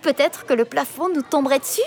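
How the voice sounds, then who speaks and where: A woman's voice: high-pitched, quick pace, heavy background noise. A woman voicing a curious, imaginative little girl in a children's audio drama, with a breathless, giggly manner. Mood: dreamy.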